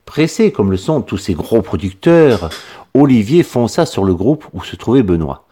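A man reading a humorous story aloud in a lively, expressive way. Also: fairly low pitch, moderate pace, breathy edge. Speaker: narrator.

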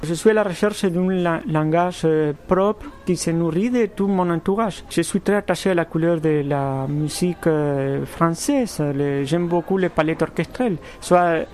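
During a radio interview, an Argentine composer whose first language is Spanish speaks in a fairly high, slightly mellow voice. He's thoughtful and halting, choosing words slowly, with many restarts, false starts, and repeated words.

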